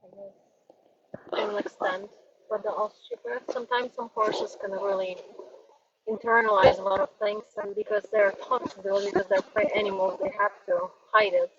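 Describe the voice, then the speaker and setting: Woman, heavy vocal fry, lively pitch swings, casual chat, distant from mic. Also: moderate pace, background noise. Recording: distant, dull lo-fi microphone pickup.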